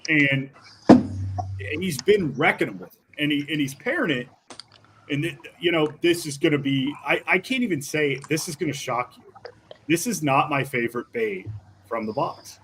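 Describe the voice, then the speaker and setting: A man co-hosts a live fishing stream and talks casually, with enthusiasm and some teasing. His voice sits a little high for a man, with faint noise underneath. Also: animated, normal speed, a bit bright. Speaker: co-host. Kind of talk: casual chat.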